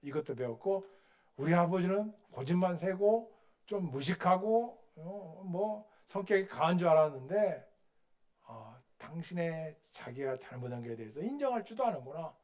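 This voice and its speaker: Male pastor preaching, kinda high voice, keeps asking the crowd questions. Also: lively intonation, moderate pace, a little mellow. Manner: questions the congregation and waits for answers; storytelling, acting out quotes. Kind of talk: sermon.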